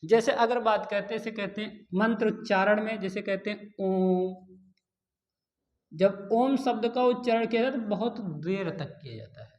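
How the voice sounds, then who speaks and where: A man teaches grammar to exam students, slowly repeating key terms and posing questions he then answers himself. His voice is high and a little mellow, with lo-fi sound in an echoey room.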